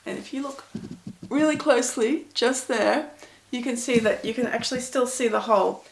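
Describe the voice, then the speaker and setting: A woman's voice: fairly high pitch, normal speed, creaky, roomy sound, slight background noise. A middle-aged woman, chatting to camera as an author answering reader questions in a self-deprecating, storytelling way. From Pakistan. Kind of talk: casual talk to camera.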